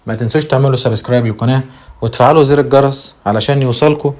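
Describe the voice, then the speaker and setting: A man with an Egyptian Arabic accent hosting a channel, giving emphatic commentary on news quotes and slowing down to stress key words. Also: mid-range voice, fairly even intonation, a little mellow. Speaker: channel host.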